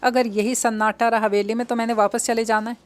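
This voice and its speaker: A woman's voice: a little high, little pitch movement, no room sound, natural voice. A woman voicing a spirited young woman who talks in a petulant, sulky way.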